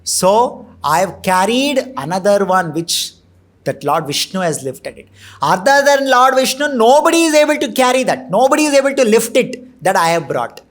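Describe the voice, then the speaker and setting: A man's voice: high voice, sing-song, moderate pace. A man voicing a fierce warrior sage who insists on a fight. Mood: boastful. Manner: commanding, insistent.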